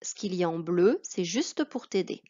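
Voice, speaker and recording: A woman's voice: lowish voice, expressive, normal speed, mellow, highs cut off. A woman teaching a reading lesson to children, patiently spelling out syllables one by one.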